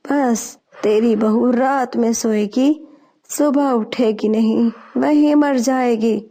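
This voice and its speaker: Cartoon witch bird, old, deep mannish drawl, dark tone, a woman voicing her. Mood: scheming. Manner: slow, drawn-out incantations. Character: old female witch bird, gruff mystic.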